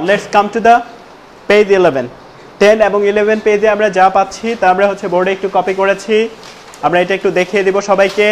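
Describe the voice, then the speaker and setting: A man teaching a spoken English class, prompting students again and again and slowing right down to model each sentence. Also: sits high. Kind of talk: classroom lesson with call-and-response drills. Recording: loud room noise and class chatter. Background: students answering in chorus.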